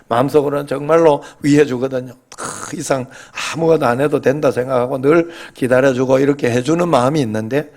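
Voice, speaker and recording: A male pastor, giving a sermon in a chatty, joking way and often asking the congregation "eh?". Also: medium pitch. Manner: grows louder and more emphatic when preaching on scripture.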